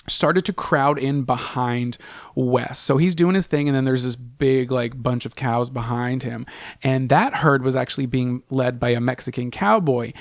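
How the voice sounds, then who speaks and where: A man's voice: mid-range voice, no echo, clean studio sound. A man co-hosting a podcast, telling a history story in a casual, comedic, profane way, rambling with lots of fillers. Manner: profane, rambling, full of 'like' and 'uh'. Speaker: podcast co-host.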